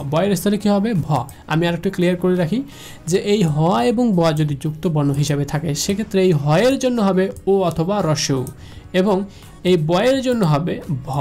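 Presenting slides on pronunciation rules, this teacher speaks with a Bangladeshi Bengali accent in a high-pitched, darkish voice. He goes over every rule again and quizzes the listener with questions.

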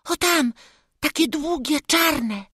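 A timid peasant boy who jumps at shadows and frets. His high voice carries constant worry in a close, dry audiobook reading. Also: lively intonation, slow pace, a bit bright, no echo, exaggerated voice. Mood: scared. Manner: fearful, anxious. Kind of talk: audiobook character voice.

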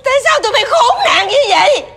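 A tearful, furious wife, high and bright. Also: female voice, very animated, moderate pace. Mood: bitter grief. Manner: tearful, accusing outbursts. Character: grieving, furious young wife defending her husband. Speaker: wife of a sick man. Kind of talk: TV drama acting.

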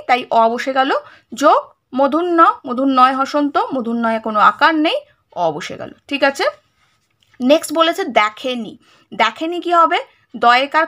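A woman's voice: high voice, a bit bright. A woman teacher going through a primary-school lesson, spelling out words letter by letter and asking check questions again and again. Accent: Bengali.

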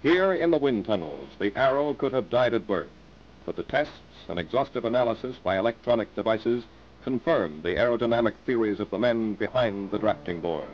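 A man reads the narration of an old newsreel in a dramatic announcer's manner, his pitch rising and falling with lively emphasis. The sound is dull and lo-fi, as from aged film, with a faint hiss underneath. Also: a little fast. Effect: old newsreel recording. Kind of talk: scripted 1950s newsreel narration.

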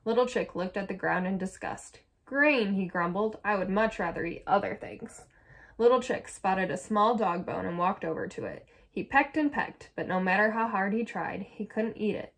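A young adult woman reading a children's picture book aloud with clear, soft storytelling narration. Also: mid-range voice, normal speed, few pauses. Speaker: storybook reader.

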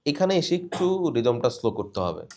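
A man's voice: medium pitch, very animated, quick pace, vocal fry, darkish tone. A man teaching a live class for cabin crew candidates, explaining and correcting students directly. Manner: instructive, corrects students directly, demonstrates readings. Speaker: cabin crew interview coach.

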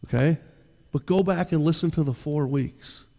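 Speaking from a church stage, an older man delivers a conversational sermon and questions the congregation directly. His fairly high voice is warm and creaky, moving at a normal speed, with the long reverb of a church hall around it.

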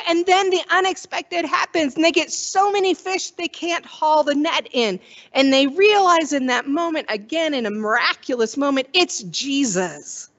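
A woman pastor preaches in a high, bright-pitched voice. She talks to the congregation as if chatting with them and wonders aloud about the story. The recording sounds dull and a little muffled. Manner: conversational, wondering aloud, acts out quoted voices. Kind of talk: sermon.

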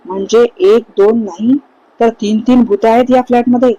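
A woman's voice: a little high, steady tone, moderate pace, warm tone, dull audio, lightly acted. A woman reading the part of a frightened young man insisting he saw ghosts. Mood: pleading. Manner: urgent, pleading.

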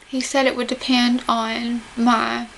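A young adult vlogger talks casually to camera about recovering from surgery, in home camera audio with faint background noise. Her high voice is slow and gravelly yet flat in melody, and she articulates carefully with limited jaw movement.

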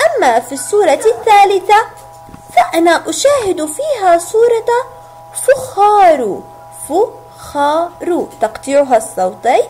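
A woman teacher giving a recorded reading lesson to young children, sounding out syllables slowly and stretching each word. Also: very high-pitched, very animated, a little mellow, faint music behind. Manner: slow, drawn-out syllables, sounding words out. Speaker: kindergarten teacher.

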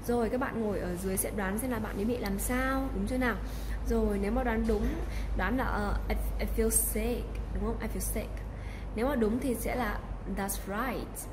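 A woman's voice: on the high side, background noise. A woman, teaching English patiently, repeating model phrases and checking in often. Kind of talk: teaching a recorded lesson.

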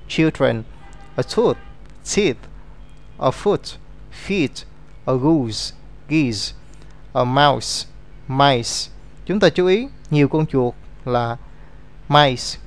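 A man's voice: medium pitch, expressive, very slow, pauses often. A man teaching an English grammar lesson, explaining rules step by step and reading out example words.

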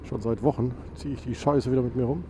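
A German motovlogger with a medium-pitched, steady, warm voice talks fast while riding a motorcycle on a country road, sounding stuffy and nasal from a cold. He rambles casually, correcting himself and using lots of fillers. His helmet mic picks up heavy wind and engine noise.

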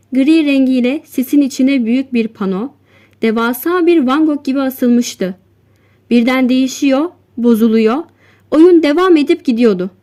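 A woman narrating a literary short story in a slow, measured reading voice. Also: sits high, dark tone. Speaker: audiobook narrator. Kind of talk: scripted narration.

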